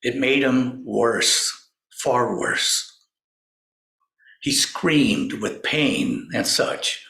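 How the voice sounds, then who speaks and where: Male speaker, slow halting storyteller, gravelly voice, roomy echo. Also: medium pitch, expressive, bright, forceful tone. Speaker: spiritual speaker. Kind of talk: storytelling talk.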